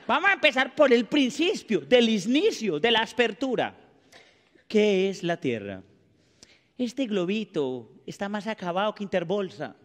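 High-voiced Paisa comic, bright and animated. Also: male voice, measured pace, in a large hall. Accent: Colombian Paisa. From Colombia. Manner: animated, mugging, banters with the audience. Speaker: stand-up comedian. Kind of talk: stand-up comedy monologue. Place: TV studio stage before a live audience.

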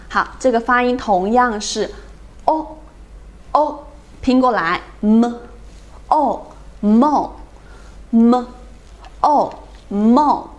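This is a phonics lesson in English, taught by a woman whose voice is mid-range. She goes sound by sound at an unhurried pace, often asking whether her students have it.

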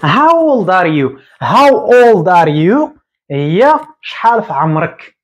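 A man in his thirties with a Moroccan Arabic accent, teaching English at a whiteboard and repeating each word slowly. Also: sits high, sing-song. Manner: explains slowly, repeating words and drawing them out. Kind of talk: whiteboard lesson. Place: small room indoors at a whiteboard.

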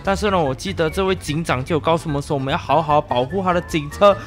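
A young man narrating his game roleplay as a cop, excitable and full of exclamations. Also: on the high side, fast, faint music behind. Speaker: gaming youtuber.

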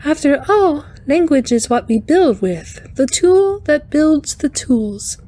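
A woman voices a cheerful, intense female alien spider engineer in an audiobook, giving her a light chiming voice and courteous, precise, slightly formal speech that is brisk and earnest. Her full character voice is high-pitched, very animated, dark in tone, and pushed up.

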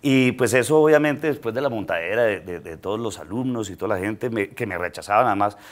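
This time the middle-aged Colombian guest comedian speaks low and expressively, talking fast as he recounts a personal story on a studio talk show set. It's relaxed chat, full of hesitations and laughs.

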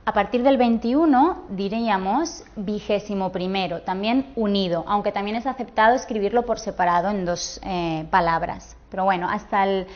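A woman with a Spain Spanish accent teaches at a whiteboard, her voice at a medium pitch. She explains clearly and patiently and speaks straight to her students. The recording sounds a little dull and lo-fi. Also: moderate pace, few pauses. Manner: clear, patient, addresses viewers directly.

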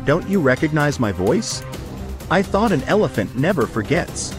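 A man's voice: fairly high pitch, sing-song, normal speed, music in the background. A man voicing the scheming, commanding leader of rejected toy critters in a cartoon, with theatrical delivery. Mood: eerie taunting. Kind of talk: dramatic cartoon villain acting.

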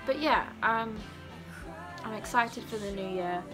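A young woman, a student vlogger, chats casually to the camera from her living room in a candid, rambling, informal way. Her voice is a little high and unhurried, and the rough recording has music playing behind her.

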